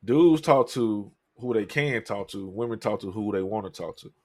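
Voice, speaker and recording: A man of thirty hosting a podcast, talking casually with brash, profane bluntness and breaking into loud laughter. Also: on the low side, normal speed. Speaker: podcast host. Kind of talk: casual chat.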